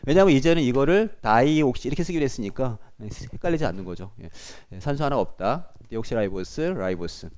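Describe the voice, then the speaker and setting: Animated male teacher lecturing a class. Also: medium pitch, fast, hardly any pauses. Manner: animated, addresses students directly with frequent checks.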